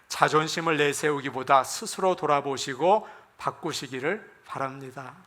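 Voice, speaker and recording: A man, a Korean pastor, giving a gentle, conversational sermon and acting out quoted lines along the way. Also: medium pitch, moderate pace. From South Korea.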